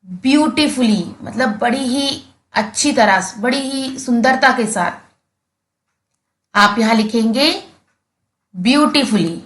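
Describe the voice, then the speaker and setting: Indian woman, Hindi speaker, classroom teacher; slow, patient, repeats key words; slightly high voice. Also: animated, a bit bright. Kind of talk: textbook lesson explaining English words in Hindi.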